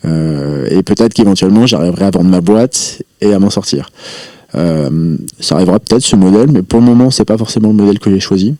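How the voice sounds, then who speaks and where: A man's voice: low voice, fairly quick, dark tone, dry recording, studio quality. A man talking as a podcast guest about his path as an entrepreneur, reflective and rambling with frequent hesitations. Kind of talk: casual interview talk.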